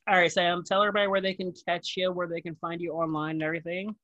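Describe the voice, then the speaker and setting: A man's voice: high-pitched, fairly even intonation, racing, a bit bright, dry recording, dull audio. Casual man hosting a podcast. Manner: informal, self-deprecating, swearing. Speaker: podcast host. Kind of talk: casual chat.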